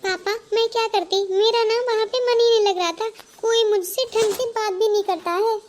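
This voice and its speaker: A woman voicing a headstrong young bride in a cartoon, talking back sharply in a very high voice. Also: steady tone, moderate pace, slight background noise. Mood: defiant. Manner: defiant, talks back sharply. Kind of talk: Hindi cartoon voice acting.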